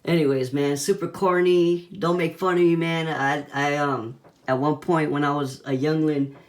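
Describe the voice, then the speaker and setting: A man's voice: a little high, little pitch movement, moderate pace. A man giving a casual hands-on toy review in laid-back, slangy talk, with a whistle on his s sounds.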